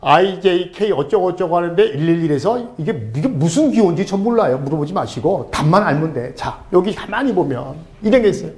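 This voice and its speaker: A man's voice: high-pitched, lively intonation, a little fast, few pauses, darkish tone. A middle-aged man giving a casual, joking tutoring lesson over a screen recording, talking straight to his viewers. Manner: playful, joking, talks to viewers directly. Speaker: online tutor.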